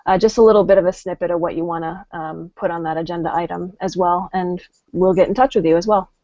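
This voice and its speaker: Gravelly low woman giving details. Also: steady tone, fast talker, mellow, no room sound. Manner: informative, uses fillers. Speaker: panel guest. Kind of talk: casual chat. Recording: dry, dull lo-fi audio.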